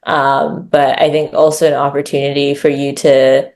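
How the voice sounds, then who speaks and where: A woman with a low voice and a gravelly, creaky edge. She talks casually as an interview guest, chatty and loose, with frequent fillers. She often checks in with tag questions. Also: flat delivery, moderate pace, a little mellow. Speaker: growth lead, interview guest.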